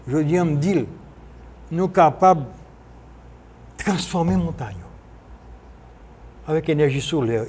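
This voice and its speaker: A man with a Haitian accent speaking as a guest in an unscripted radio discussion, explaining things in a halting way with repetitions and self-corrections. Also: on the high side, warm tone. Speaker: guest, former senator. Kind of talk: unscripted radio interview discussion, switching between French and Creole. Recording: noisy archive broadcast recording.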